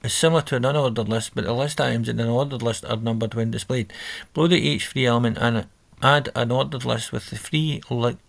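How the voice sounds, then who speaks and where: Speaking a little fast with few pauses, this man has a creaky, mid-range voice and a steady tone. He's a coding tutor on a screen recording, reading steps, thinking aloud, and self-correcting as keys are typed in the background.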